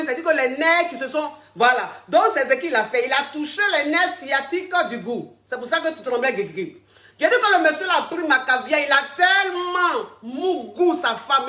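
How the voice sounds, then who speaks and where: A woman's voice: sits high, pushed and bright, roomy sound. A woman, coaching callers on a live stream in a crude, teasing, repetitive way and often laughing. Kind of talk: livestream advice chat.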